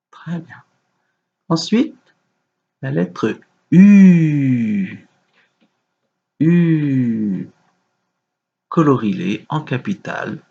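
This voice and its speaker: A man teaching young children a remote lesson, giving slow, patient, gentle instructions. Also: medium pitch, creaky, husky, muffled recording. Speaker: kindergarten teacher.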